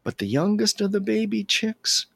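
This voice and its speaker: A man telling an animal tale aloud, expressive and slipping into whispers for suspense. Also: high-pitched, normal speed, no room sound. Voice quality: husky. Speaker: storyteller. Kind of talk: animated oral storytelling.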